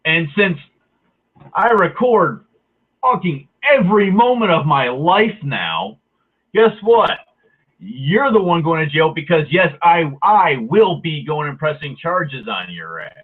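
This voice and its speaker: A man's voice: fairly high pitch, very animated, slow, breathy edge. A man in a heated, profane, sarcastic rant, speaking his mind to the camera. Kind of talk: angry ranting monologue. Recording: tinny phone-like audio.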